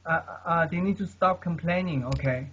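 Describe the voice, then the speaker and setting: Over dull lo-fi audio with a little hiss or hum, the guest, a polyglot man, earnestly advises on language study in a relaxed exchange full of fillers and frequent "okay?" tags. He speaks at a normal pace in a slightly high, somewhat bright voice.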